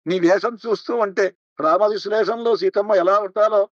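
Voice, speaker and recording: A man giving a devotional scripture discourse, slowly chanting verses and then explaining them in plain speech. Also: high-pitched, no echo. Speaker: religious discourse speaker. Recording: dull, dry recording.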